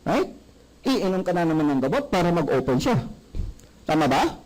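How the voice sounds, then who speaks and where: A man giving a sales seminar, animated and often asking the audience questions. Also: on the high side, moderate pace, low-quality recording. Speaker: product presenter.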